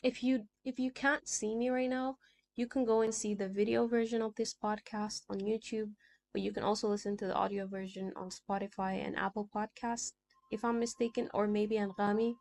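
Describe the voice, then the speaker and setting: Her delivery is flat and moderately paced, with a medium, darkish voice and a bit of hiss or hum from the small desk mic. The host is a young Sudanese woman, a native Arabic speaker with a mixed American-British accent, chatting solo and jumping from thought to thought.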